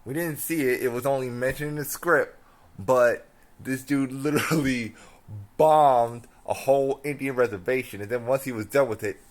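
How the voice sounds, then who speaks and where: A man's voice: mid-range voice, fairly even intonation, moderate pace. A young American man who sounds drunk, on a casual, slangy, incredulous rant, repeating himself and stumbling over his words. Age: young adult. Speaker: film ranter.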